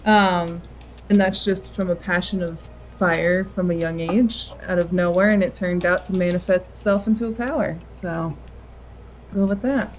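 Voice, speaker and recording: A woman playing a tabletop game, describing her character in a giggly, halting way. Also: on the low side, fairly even intonation, soft background music. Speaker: player.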